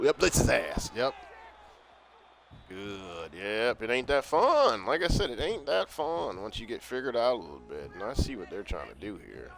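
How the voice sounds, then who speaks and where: A man with a lowish voice calling out his own football game plays on a live stream. He swears freely and jumps from muttering strategy to yelling at the players on screen. The sound comes from a home desk setup. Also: background noise. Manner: profane, excitable, talks to himself while playing. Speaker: gaming streamer. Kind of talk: live gameplay commentary.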